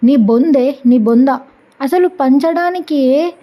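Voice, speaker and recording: A woman's voice: high-pitched, slow pace, dull audio. A woman reading a stubborn pleading husband. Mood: exasperated. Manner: pleading and scolding. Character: stubborn possessive husband, middle-aged man.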